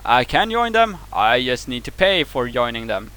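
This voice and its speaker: A Swedish vlogger, speaking English with a Swedish accent, rants angrily to camera about a video, heated and profane, often tripping over words and starting again. His mid-pitched voice is very animated, bright and forceful, at a moderate pace.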